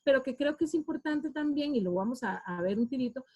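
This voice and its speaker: A woman's voice: high-pitched, expressive, brisk, dark tone. A woman with a Costa Rican accent giving an online workshop for parents, speaking informally and often adding fillers and tag questions. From Costa Rica. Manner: informal, often adds "¿verdad?" and "este". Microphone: video call.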